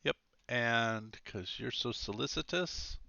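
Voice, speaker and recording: A man running a tabletop game as game master, relaxed and joking, laughing often. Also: medium pitch, slow, creaky, dry recording, muffled recording.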